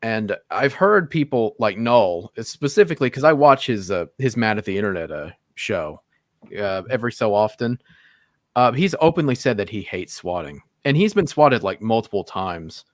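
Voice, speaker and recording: A man's voice: fairly low pitch, sing-song, moderate pace, no echo. Rambling, laughing male stream guest, dry sound. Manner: rambling and profane, with constant "like" and laughter. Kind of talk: casual conversation.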